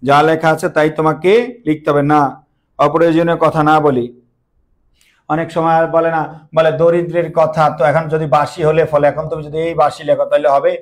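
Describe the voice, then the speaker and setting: A young man with a slightly high voice teaches an online class. He repeats key words with emphasis and keeps quizzing his students. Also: level tone, a little fast.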